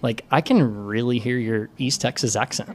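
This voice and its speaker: A man hosting a podcast, chatting in an animated, joking way. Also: medium pitch, moderate pace. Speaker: podcast host. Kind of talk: casual chat.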